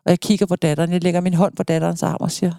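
A woman's voice: lowish voice, flat delivery, gravelly, warm tone, dry recording, studio quality. A middle-aged woman, a podcast guest, telling personal stories earnestly in a casual conversation. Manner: earnest storytelling.

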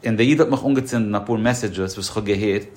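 A man's voice: fairly low pitch, quick pace, a little mellow. A man as a podcast guest giving insurance advice, emphatic and explaining through examples. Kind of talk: casual podcast conversation.

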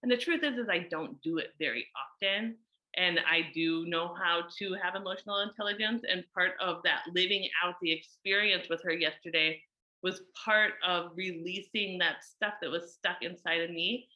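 A woman's voice: fairly low pitch, moderate pace, sharp tone, muffled recording. A woman in her thirties, a mother, talking candidly through a personal reflection with many fillers.

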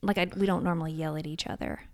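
Gravelly-voiced woman telling a story. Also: low-pitched, steady tone, very fast, darkish tone. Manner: emotional, earnest storytelling with fillers. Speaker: podcast co-host, race crew lead. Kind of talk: casual chat.

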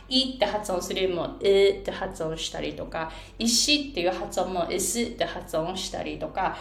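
A woman pronunciation coach explaining a chart in a patient, lively way, with many fillers and English phrases dropped into her talk. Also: mid-range voice. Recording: echoey room, faint background noise.

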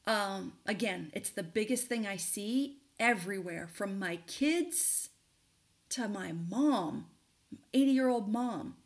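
A woman's voice: medium pitch, expressive, slow, gravelly. A middle-aged woman hosting a podcast, candidly telling a personal story and giving advice in a conversational way with plenty of fillers. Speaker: podcast host and coach.

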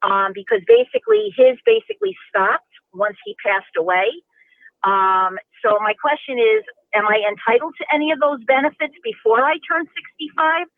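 A woman's voice: a little high, sing-song, normal speed, vocal fry, no echo. A woman in her sixties calling in to a talk show, rambling and restarting her questions as she asks them. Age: 60s. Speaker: caller. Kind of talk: call-in question. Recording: tinny phone line.

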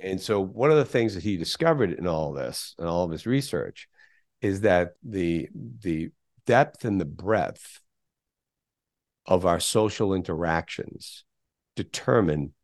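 A man's voice: low voice, animated, measured pace, long pauses, dry recording, studio quality. A middle-aged man, a guest on a podcast interview, speaking emphatically and firing off rhetorical questions. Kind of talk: conversational interview.

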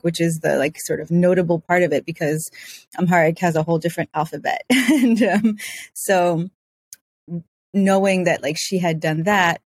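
A woman's voice: lowish voice, darkish tone, no echo. A woman from Switzerland chatting as a podcast guest, full of fillers and restarts. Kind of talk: casual interview talk.

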